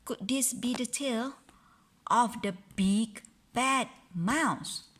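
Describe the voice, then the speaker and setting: A woman voicing a bold, curious young monster child in a storybook reading, exclaiming and questioning excitably. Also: on the high side, very slow, slight background noise, pitched above the performer's own voice. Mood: excited, curious.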